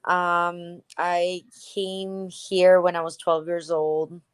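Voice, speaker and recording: A young woman from Ukraine, a guest answering interview questions in a relaxed, unhurried way. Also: fairly low pitch, smooth, dry recording. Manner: relaxed, unhurried storytelling with fillers. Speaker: podcast guest. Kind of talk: casual interview chat.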